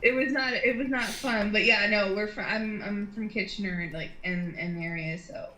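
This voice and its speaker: A woman in her thirties chats casually as a guest, her voice bright and forward. She rambles, piling on fillers and restarts as she talks. The sound is echoey, as if in a bare room. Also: mid-range voice, fairly even intonation, moderate pace, a little hiss or hum. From Ontario, Canada. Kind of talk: casual chat.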